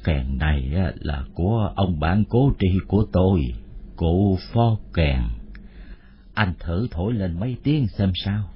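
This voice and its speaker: A man voicing a grieving old widower in his sixties who speaks slowly and weighs every question. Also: deep voice, expressive, a little hiss or hum. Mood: wary, grave. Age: 60s. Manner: slow, measured, gravely questioning. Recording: muffled lo-fi audio.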